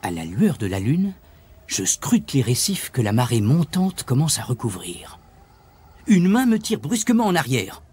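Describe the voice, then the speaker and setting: A man reading a children's story aloud as narrator, in an expressive, animated way. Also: mid-range voice, a little slow, slightly rough.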